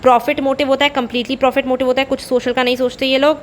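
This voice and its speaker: A woman's voice: high voice, little pitch movement, rapid-fire, slight background noise. A woman teacher giving a conversational economics lecture, repeating key points and slipping between Hindi and English.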